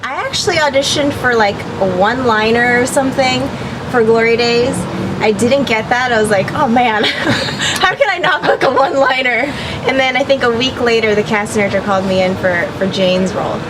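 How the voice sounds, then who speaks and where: A woman's voice: fairly high pitch, fairly quick, noisy background. A young woman chatting in a casual interview about her acting work, talking freely with many fillers and frequent laughs. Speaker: actress interviewee.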